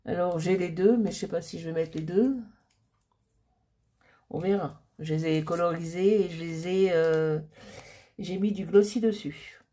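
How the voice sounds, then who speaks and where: A middle-aged woman chatting casually as she walks through a crafting project. Her voice is soft and mellow, and she takes her time, with relaxed pauses and frequent fillers between thoughts. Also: lowish voice. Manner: chatty, hesitant, many fillers.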